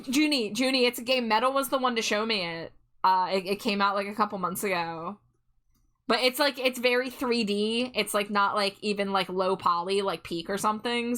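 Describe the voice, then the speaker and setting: A woman's voice: medium pitch, a bit bright. A woman hosting a casual livestream, chatting in a cute, playful anime-streamer manner. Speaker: livestream host.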